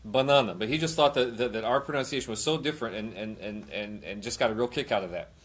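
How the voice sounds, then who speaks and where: A man's voice: fairly low pitch, fast, a bit bright. A man hosting a live missionary interview. He stumbles, repeats his words, and laughs easily. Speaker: missionary host.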